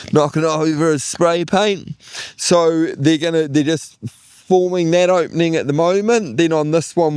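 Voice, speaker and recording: A man's voice: medium pitch, a little mellow, clear, resonant tone, no room sound, studio quality. A man with a New Zealand accent hosting a building video in a casual, matter-of-fact, colloquial way. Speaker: host for a shed-building company. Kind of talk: casual presenting and chat.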